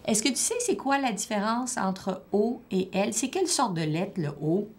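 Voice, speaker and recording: A woman's voice: medium pitch, lively intonation, moderate pace. Patient encouraging teacher woman. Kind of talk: one-on-one reading assessment.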